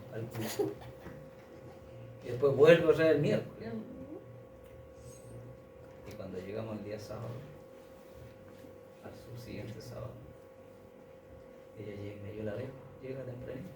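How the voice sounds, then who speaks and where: A man telling a story in a sermon, speaking haltingly and repeating himself with many restarts. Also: medium pitch, noisy background. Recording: echoey room, distant mic, audible ambience.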